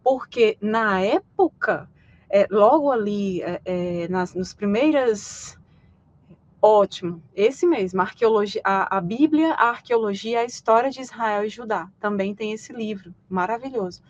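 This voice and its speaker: A woman's voice: mid-range voice, unhurried, a little mellow, lo-fi sound. Brazilian woman hosting a live stream. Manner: hesitant, many fillers and restarts, explanatory. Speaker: host.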